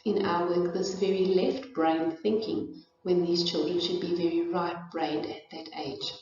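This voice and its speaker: A woman's voice: lowish voice, steady tone, unhurried, a little mellow, soft background music. Woman, South African accent, middle-aged, informal lesson, thoughtful with fillers, far from the mic, very echoey room. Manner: thoughtful, with frequent fillers and restarts. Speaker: presenter of a parenting and child development talk. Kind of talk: informal educational talk. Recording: echoey, distant, dull room recording.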